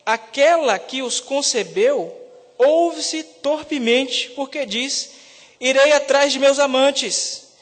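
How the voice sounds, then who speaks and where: A seminarian from Salvador, preaching a sermon and rising to loud, emphatic peaks on key words. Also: male voice, extremely high pitch, takes it slowly. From Salvador, Brazil. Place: church. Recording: reverberant church hall.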